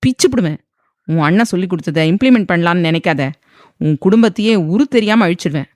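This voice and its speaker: A man's voice: sits high, lively intonation, quick pace, no room sound. Woman narrator doing a bossy, menacing husband in an audio drama, barking orders, dry close sound. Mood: harsh. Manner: harsh and commanding. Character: domineering threatening young husband.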